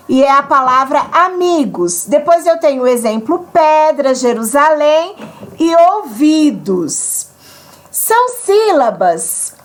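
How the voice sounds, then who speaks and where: A woman teaching an online grammar lesson, patient and explanatory, often checking in with her listeners. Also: high voice.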